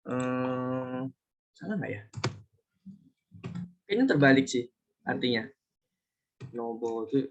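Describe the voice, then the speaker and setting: A man from Indonesia teaching a relaxed online Japanese class, chatty and often correcting himself as he talks. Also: mid-range voice, slow, long pauses, highs cut off, a little hiss or hum. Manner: chatty, self-correcting, talks to students directly. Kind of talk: casual online class lesson.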